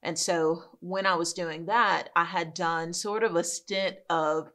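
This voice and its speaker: A woman from New York City, a guest in a casual interview, telling her story in a relaxed, self-deprecating way. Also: on the low side, unhurried. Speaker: guest, soap business owner.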